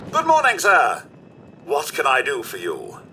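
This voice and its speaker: A man's voice: medium pitch, huge pitch swings, a little slow, bright, forceful tone, a little hiss or hum, full character voice. An actor playing a polite, courteous male robot butler in a game, with a formal manner and stock phrases.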